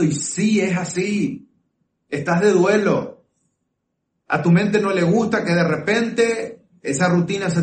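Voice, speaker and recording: Guy coaching u through a breakup, slightly high voice, roomy echo, faint hum behind. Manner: earnest, coaching, asks listener questions. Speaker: relationship advice speaker. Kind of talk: direct-to-camera advice talk. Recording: echoey room with faint ambience.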